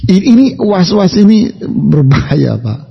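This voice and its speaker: A man's voice: high-pitched, sing-song, a little slow, vocal fry, husky. A man preaching a humorous sermon to a congregation, asking them questions and acting out everyday quotes. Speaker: Islamic preacher. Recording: dull, lo-fi hall recording.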